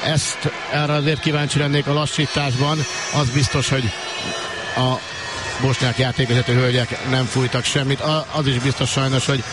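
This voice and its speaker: A man's voice: medium pitch, level tone. A man giving involved, partisan live sports commentary on a handball match. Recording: loud ambient noise behind the voice.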